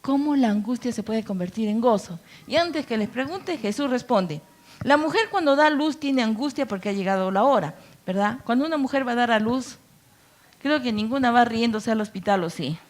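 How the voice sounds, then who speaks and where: A woman's voice: a little high, animated, normal speed. A woman pastor preaching a conversational sermon, full of rhetorical questions and playful acted-out quotes. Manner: acts out quoted voices with playful asides.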